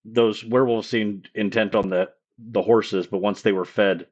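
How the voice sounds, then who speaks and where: Rambling low-voiced male game master. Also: fairly even intonation, highs cut off. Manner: rambling, halting, many fillers. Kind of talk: live-streamed tabletop game narration.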